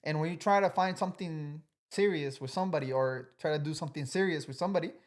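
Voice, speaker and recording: A man's voice: on the high side, fast talker. An earnest young man in his twenties chatting as a podcast guest. He talks freely, circling back on himself and padding his sentences with casual fillers. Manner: earnest, talkative, many "like" fillers.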